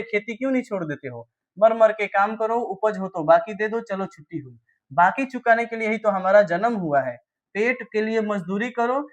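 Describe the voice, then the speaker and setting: An angry village farmer's wife scolds her husband in sharp, clipped lines, as a male teacher reads her aloud in a story. The voice sits fairly high for a man. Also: close to an everyday voice. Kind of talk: dramatic reading of a story.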